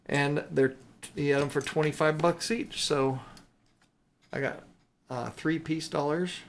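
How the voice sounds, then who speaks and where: In this casual, unscripted show-and-tell, a man hosts a video displaying silver bullion he's purchased, rambling along with mildly playful exclamations. His higher-leaning voice has fairly even intonation and an unhurried pace. A little hiss or hum runs under the recording.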